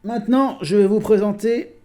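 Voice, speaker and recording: A man with a mellow, dark voice talks casually to his viewers from home. He is chatty and hesitant, often pausing on fillers and restarting his sentences. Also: high-pitched. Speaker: collector vlogger. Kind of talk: casual chat.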